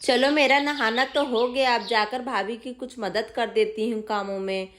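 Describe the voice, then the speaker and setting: A woman voicing a helpful, cheerful young village woman in a doll story, chatty and bright. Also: on the high side, steady tone, moderate pace, natural voice.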